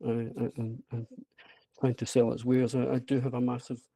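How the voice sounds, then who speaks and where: A man's voice: medium pitch, monotone, normal speed, gravelly, warm tone, no room sound, low-quality recording. A man with a broad Scottish accent giving an informal online presentation, hesitant and self-deprecating but enthusiastic. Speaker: presenter, app creator. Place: remote online video call with screen share.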